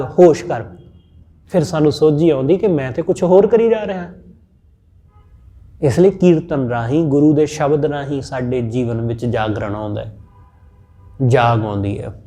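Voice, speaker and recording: A man with a Punjabi accent giving a scripture sermon, teaching in a measured, repetitive way with everyday examples. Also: fairly high pitch, warm tone. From India. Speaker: Sikh scripture preacher. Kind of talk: sermon-style scripture exposition.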